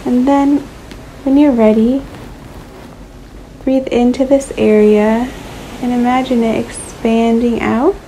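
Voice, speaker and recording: A woman guides a relaxation meditation, soothing and unhurried, with long pauses between short phrases. Her fairly high voice is warm and steady, though the recording is rough with slight background noise.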